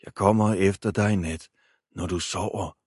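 A man reading an audiobook, voicing a boy who disguises his voice to sound hoarse and menacing on a prank call. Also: sits low, steady tone, no room sound, studio quality. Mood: creepy whisper. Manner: hushed, hoarse, growling, menacing. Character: prank-calling schoolboy faking a menacing voice.

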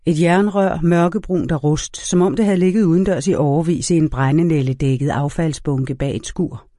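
A man reading a novel aloud as an audiobook narrator in a measured, even storytelling manner. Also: a little high, no echo, studio quality. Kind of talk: scripted narration.

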